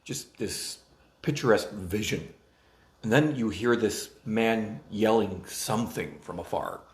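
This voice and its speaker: A man's voice: on the low side, expressive, unhurried, reverberant. A man co-hosting a casual chat with his partner, telling stories in a wry, teasing, understated way. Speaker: co-host.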